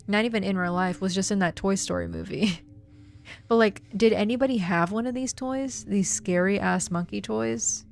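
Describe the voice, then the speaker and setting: A woman's voice: medium pitch, vocal fry. A woman in her twenties giving casual live gameplay commentary, chatty and giggly, talking to herself and her chat. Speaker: game streamer. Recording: game music faint behind.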